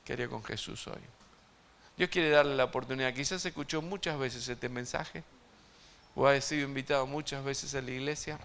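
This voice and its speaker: A man preaching an evangelistic sermon to a congregation, emphatic and swinging between loud and hushed, asking his listeners direct questions. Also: medium pitch, normal speed. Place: church service before a congregation.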